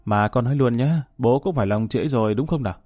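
A man's voice: mid-range voice, fast talker, warm tone, no room sound, clean studio sound, soft background music, close to an everyday voice. A man voicing a grown daughter who coaxes and presses her father insistently. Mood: coaxing. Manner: coaxing, insistent. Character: grown daughter, persistent and coaxing.

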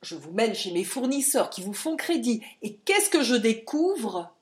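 A woman voicing a blustering middle-aged male captain who shouts accusations. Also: mid-range voice, animated, moderate pace, natural voice. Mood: furious.

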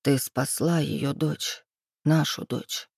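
A reader voicing a grave, quiet young father in an audiobook. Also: on the high side, fairly even intonation, measured pace, no echo, studio quality. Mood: hushed. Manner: hushed, grave. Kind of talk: audiobook character voice.

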